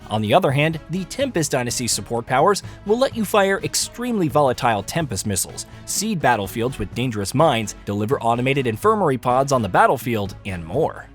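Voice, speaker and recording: A man's voice: medium pitch, sing-song, brisk, hardly any pauses, faint music behind. A man reading scripted top ten countdown narration about a video game, announcing headings and explaining in formal sentences.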